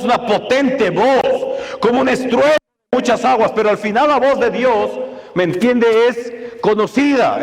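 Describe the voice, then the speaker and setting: A man preaching a sermon as pastor, often asking the congregation rhetorical questions. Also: high-pitched. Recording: long reverb of a church hall.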